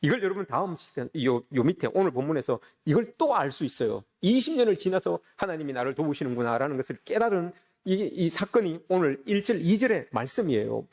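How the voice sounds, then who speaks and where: A male pastor delivers a sermon in a high, lively voice that swings up and down, and he keeps up a quick pace. He is earnest and emphatic and often turns to call out to his listeners.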